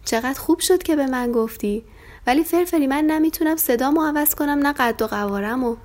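A woman voicing a big, gentle male ram in a children's story, who bleats and speaks in a playful, comical way. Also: high-pitched, voice pushed up, lightly acted.

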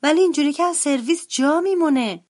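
A woman voicing a caring, busy mother bear in a storybook, speaking softly and reassuringly. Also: high-pitched, pitched above the performer's own voice, lightly acted. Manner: soft, reassuring.

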